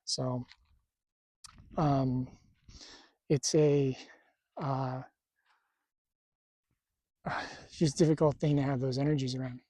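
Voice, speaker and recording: A man talking casually to camera at a desert campsite, halting and stuttering, with a tight, strained throat. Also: mid-range voice, level tone, mellow, no echo. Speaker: spiritual vlogger.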